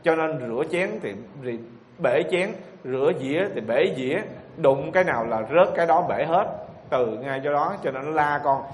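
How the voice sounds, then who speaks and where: A man's voice: fairly high pitch, animated, moderate pace, a little hiss or hum, natural voice. A man reading out, in the first person, the plaintive story of a grieving elderly mother-in-law. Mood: sorrowful. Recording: echoey hall with faint ambience.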